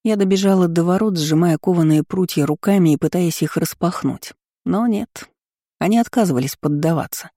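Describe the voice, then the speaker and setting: A woman's voice: lowish voice, moderate pace, warm tone, dry recording, clean studio sound. A woman narrating a first-person novel as an audiobook, reading steadily and expressively.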